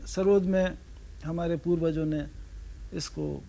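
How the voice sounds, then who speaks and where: A man from North India teaches the sarod to a class, speaking in a high, lively voice. He keeps asking his students questions and sings the note syllables aloud to show the scale. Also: slow, creaky. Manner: asks the audience questions, sings sargam syllables. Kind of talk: lecture-demonstration to students.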